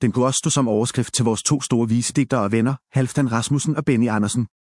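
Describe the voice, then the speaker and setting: A man, apparently a pastor, giving a measured talk with wry asides and quoted stories. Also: medium pitch, a little mellow, dry recording, clean studio sound. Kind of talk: reflective talk with read-out quotes.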